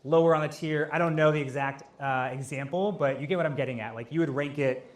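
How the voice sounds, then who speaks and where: A man's voice: fairly high pitch, fast talker. A young man answering questions at a live event, talking casually with lots of "like" and "um". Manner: casual, filler-heavy, lots of "like". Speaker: AI consultant on stage. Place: office event space with audience.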